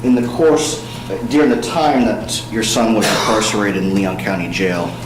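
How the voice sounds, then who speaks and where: In an echoey room with clear noise behind him, a man with a lowish voice examines a witness. He is deliberate and halting, an attorney feeling out each question. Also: fairly even intonation. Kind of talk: courtroom examination. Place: courtroom.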